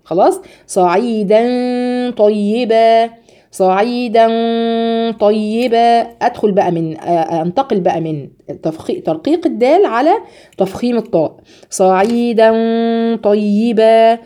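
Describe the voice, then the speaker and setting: Egyptian woman teaching quran recitation, stretches the words out slow then rattles off the rules, darker mellow voice. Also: mid-range voice, expressive. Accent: Egyptian Arabic. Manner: drills sounds slowly, then explains rapidly. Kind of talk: tajweed lesson with recited examples.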